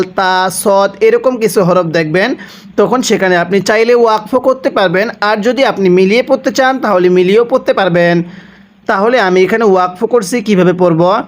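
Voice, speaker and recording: A man teaching Quran reading step by step, spelling out each letter and vowel mark, then reciting the words slowly and asking listeners to repeat after him. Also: high voice.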